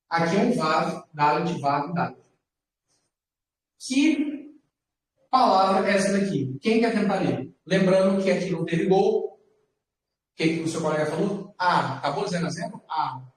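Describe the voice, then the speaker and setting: A man's voice: sits high, expressive, recorded from a distance. Echoey man teaching a class. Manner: patient, repeats words slowly for students. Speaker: Hebrew teacher. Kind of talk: classroom lesson.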